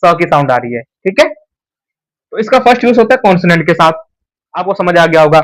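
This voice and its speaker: High-voiced man teaching grammar. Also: animated, normal speed, poor audio. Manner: repeats questions to the class and answers them himself. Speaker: English teacher. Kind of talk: whiteboard grammar lesson.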